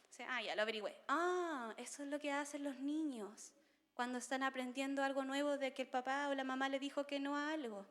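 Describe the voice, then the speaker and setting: A woman's voice: high-pitched, steady tone, a little fast, big-room sound. A woman giving a conversational seminar talk to parents, often checking in with her listeners. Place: seminar room.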